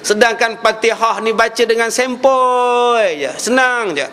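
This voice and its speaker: High-voiced Malaysian preacher in a reverberant hall. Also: male voice, pushed and bright. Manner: joking, demonstrates pronunciation with drawn-out recitation. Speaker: religious preacher. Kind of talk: humorous sermon.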